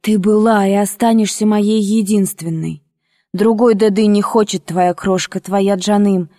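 A woman's voice: medium pitch, fairly even intonation, a little slow, mellow, no echo, studio quality, close to an everyday voice. A woman voicing a proud, hurt young girl who speaks earnestly and tearfully.

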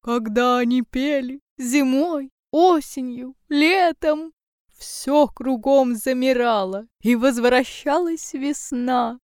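Woman putting on a high, slow old owl storyteller. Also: a little mellow, no echo, studio quality. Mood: wistful. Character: wise old grey-feathered owl, male, storyteller. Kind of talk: storybook reading.

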